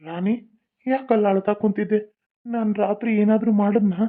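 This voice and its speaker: A woman's voice: medium pitch, fairly even intonation, moderate pace, lightly acted. A woman voicing a simple-minded, worried young male king in a cartoon, muttering his thoughts aloud. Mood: anxious. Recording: tinny phone-like lo-fi audio.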